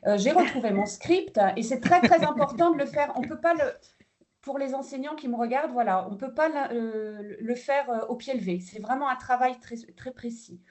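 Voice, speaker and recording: Mellow-voiced woman explaining teaching steps. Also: high voice, normal speed. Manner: explanatory, with hesitations and fillers. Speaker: kindergarten teacher presenting a webinar. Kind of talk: teacher training webinar.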